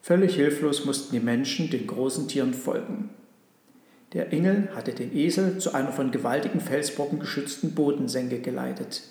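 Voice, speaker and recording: A man narrating a Christmas storybook in a calm, measured way. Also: medium pitch. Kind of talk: storybook reading. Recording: echoey room.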